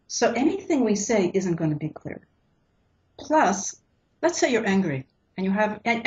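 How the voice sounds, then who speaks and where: A woman counselor calmly explaining couples' conflicts in an interview, sometimes acting out what partners say. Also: medium pitch, lo-fi sound. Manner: acts out quoted couples in lively voices. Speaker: relationship counselor.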